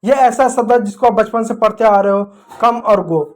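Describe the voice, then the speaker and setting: A man's voice: high voice, normal speed. A man teaching an English pronunciation lesson, explaining step by step and asking the viewer questions while he writes on a board. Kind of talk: classroom lesson.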